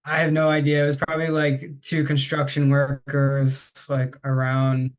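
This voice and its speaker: A man's voice: medium pitch, completely flat delivery, moderate pace. A man from the northeastern US co-hosting a podcast in an unplanned, casual chat, joking and laughing often. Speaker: podcast co-host. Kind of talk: casual conversation.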